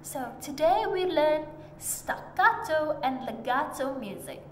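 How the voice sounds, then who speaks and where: A woman's voice: high voice, animated, slow pace, a bit bright, a little hiss or hum. A young woman teaching music to small children with a broad, singsong, children's-theatre delivery. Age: young adult. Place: indoor children's classroom. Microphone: camera a short distance away. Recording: echoey hall-like room, music.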